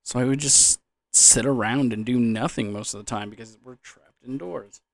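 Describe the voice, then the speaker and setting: A man's voice: medium pitch, moderate pace, dry recording. A young man in a loose, drunken, rambling casual chat about gaming, trailing off, repeating words and swearing casually. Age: young adult. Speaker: gaming vlogger.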